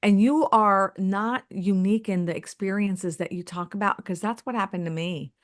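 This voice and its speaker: A woman's voice: medium pitch, moderate pace, no echo, studio quality. A middle-aged woman hosting an interview, asking guests effusive personal questions. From Mississippi, United States. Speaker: host. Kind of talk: interview conversation.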